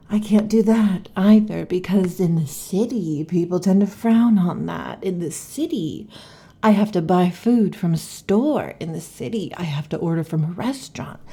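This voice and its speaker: In an ASMR roleplay, a woman voices a restless, irritable female lamia with a snake's tail, huffy and dramatic, often slipping into soft whispers. Her voice is fairly low with a breathy edge.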